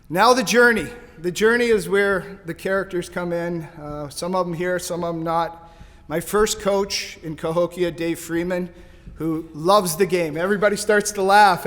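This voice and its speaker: A man from St. Louis giving a thankful, storytelling hall of fame acceptance speech at a podium microphone in a banquet hall. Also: sits high. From St. Louis, USA. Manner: storytelling, thankful, loose and joking. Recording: hall reverb.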